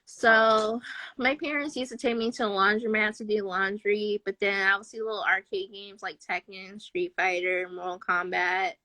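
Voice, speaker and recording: A woman's voice: mid-range voice, level tone, moderate pace, bright, forceful tone, no room sound. A young adult woman chatting casually on a live stream as a guest, upbeat and rambling and laughing often. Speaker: podcast guest, game developer.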